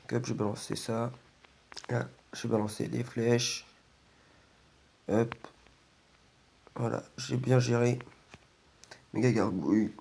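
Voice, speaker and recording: A man's voice: mid-range voice, steady tone, slow pace, pauses often, dark tone, a little hiss or hum. A man casually commentating on a video game, his voice weak and congested from a sore throat. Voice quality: slightly croaky, strained by sore throat. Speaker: gaming video host.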